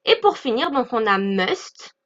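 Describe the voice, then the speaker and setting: A woman's voice: a little high, sing-song, measured pace, fairly bright tone. A woman explaining an English grammar lesson, patient and repetitive, checking in often with her listeners. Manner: patient, repeats points with "d'accord?" checks. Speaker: English teacher. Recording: dull lo-fi recording.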